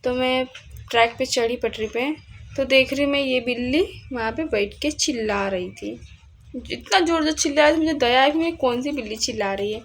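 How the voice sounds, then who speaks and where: Young woman, casual home vlog, chatty, repeats phrases, slightly high voice, faint background noise. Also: normal speed, low-quality recording. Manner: chatty, repeats herself, warm with the kitten. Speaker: vlogger. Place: at home, near a railway line.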